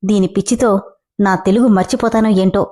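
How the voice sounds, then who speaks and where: Young male boss, joking, teasing, woman reading, mellow voice. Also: medium pitch, fairly even intonation, fairly quick, lightly acted.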